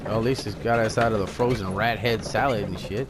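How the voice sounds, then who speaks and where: Joking, low-voiced gameplay commentator man. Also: fairly even intonation, a little fast, background noise. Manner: crude and joking. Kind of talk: casual let's-play commentary.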